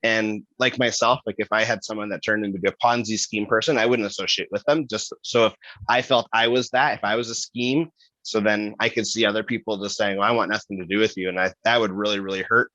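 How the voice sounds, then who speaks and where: A man hosting a podcast, reflecting out loud in a casual, halting way with restarts. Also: on the low side, steady tone, no echo, lo-fi sound. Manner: thinking aloud, halting with restarts and fillers. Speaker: podcast host.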